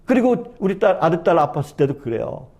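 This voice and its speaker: High-voiced, fervent male pastor preaching. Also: very animated, a little fast, darkish tone. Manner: fervent, asks many rhetorical questions, fills with "yes". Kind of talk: sermon. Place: church sanctuary.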